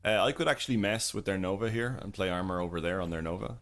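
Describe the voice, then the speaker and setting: A man's voice: deep voice, fast talker, a bit bright. A man casually commenting on his own card game as he plays live, thinking aloud and greeting viewers in chat. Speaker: streamer and YouTube host.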